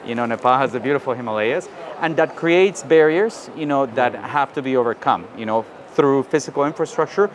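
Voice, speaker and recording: A man from South America giving measured interview answers, often adding "you know" and "right?". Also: mid-range voice. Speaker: interviewee, financial inclusion advisor. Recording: outdoor recording with street noise.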